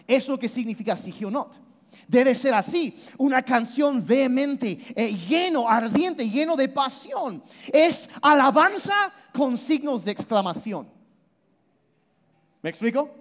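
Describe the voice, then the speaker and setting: A man preaching a sermon, animated and emphatic, often repeating and restarting his words as he explains. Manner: animated, shifts between loud emphasis and low intensity. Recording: long hall reverb.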